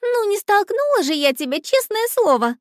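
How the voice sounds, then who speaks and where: A woman voicing a fussy, indignant female mouse from a storybook with a shrill, squealing voice. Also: very animated, moderate pace, dry recording, clean studio sound.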